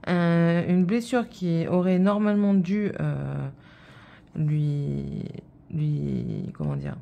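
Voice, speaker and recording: A woman's voice: on the low side, sing-song, slow, gravelly, highs cut off. A woman in her thirties chatting casually while stitching, telling a rambling story full of fillers. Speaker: vlogger.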